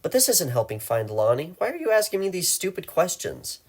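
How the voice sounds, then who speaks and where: A distraught woman tourist, high-pitched and shaken, voiced by a male narrator reading aloud. Her words come out pleading and agitated, rising in pitch when she protests. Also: very animated, fairly quick, darkish tone, husky. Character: distraught American woman tourist, middle-aged, frantic.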